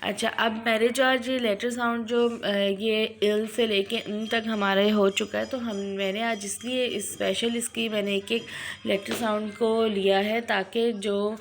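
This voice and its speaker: A pre-nursery teacher, slowly drilling phonics letter by letter in a recorded homework lesson for parents and children. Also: female voice, mid-range voice, level tone. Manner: slow, drawn-out phonics drilling, sounding out each letter.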